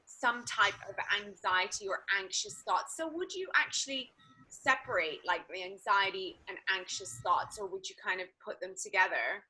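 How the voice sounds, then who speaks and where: A woman hosts a casual interview show. Her voice is bright, forward and a little breathy. She asks long, winding questions packed with likes, ums and you-knows. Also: medium pitch, expressive, moderate pace, low-quality recording. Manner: rambling questions, many fillers. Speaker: podcast host.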